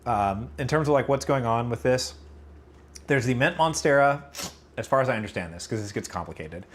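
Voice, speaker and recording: A man's voice: mid-range voice, animated, a little fast. A man hosting a casual livestream Q&A, rambling with lots of fillers and restarts, fighting allergies. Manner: rambling, filler-heavy, self-correcting. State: allergies, about to sneeze. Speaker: livestream host answering chat.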